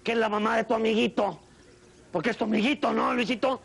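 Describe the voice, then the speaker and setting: Man doing a furious Mexican dad yelling at dinner. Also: very high voice, steady tone, quick pace, creaky, background noise. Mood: fake-polite. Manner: shouting, bossy, sarcastic. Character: loud furious middle-aged father ranting at dinner.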